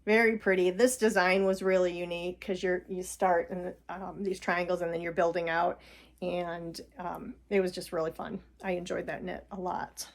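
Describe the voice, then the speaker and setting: A woman's voice: on the low side, flat delivery, moderate pace, gravelly. A woman hosting a knitting vlog, chatting casually about her shawls with frequent laughs and fillers. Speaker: knitting podcast host. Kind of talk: casual chat showing knitted projects. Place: home.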